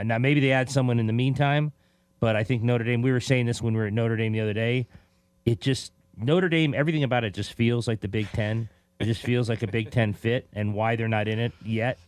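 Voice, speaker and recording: A man's voice: medium pitch, a little fast, no echo. A male sports radio co-host in casual talk, reasoning aloud conversationally and repeating words as he goes.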